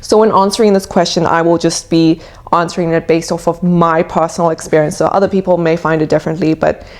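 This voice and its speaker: A woman's voice: on the low side, steady tone, fast, a little mellow. A young woman from South Africa with a South African English accent, chatting to camera in a casual vlog and explaining things with fillers and restarts. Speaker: vlogger.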